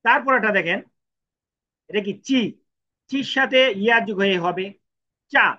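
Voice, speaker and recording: A man's voice: high-pitched, normal speed, sharp tone. Patient man drilling syllables, lo-fi. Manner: patient, drills each sound three times, asks and answers own questions. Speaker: Japanese language teacher. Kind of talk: teaching lesson, repeating drills. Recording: dull lo-fi sound.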